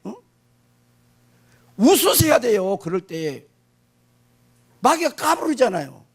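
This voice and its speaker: A pastor preaches to his congregation in a high, husky male voice. His pitch leaps around in wide, lively arcs. He asks the room questions and answers them himself, dropping to near silence and then rising to a shout. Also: slow. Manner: swings between hushed asides and shouted declarations. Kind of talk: sermon.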